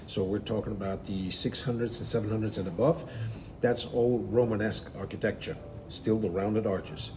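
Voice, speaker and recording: A middle-aged man from Belgium, a cruise director, answering interview questions in a relaxed, explanatory way with frequent fillers. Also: fairly low pitch, normal speed, background noise. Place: aboard a river cruise ship.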